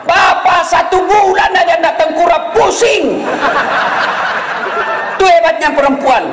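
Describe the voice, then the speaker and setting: High-voiced joking preacher in an echoey hall. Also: male voice, unhurried, over a noisy crowd. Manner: lively storytelling with voiced characters and jokes. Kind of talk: humorous sermon. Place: hall with live audience. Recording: echoey hall with faint noise.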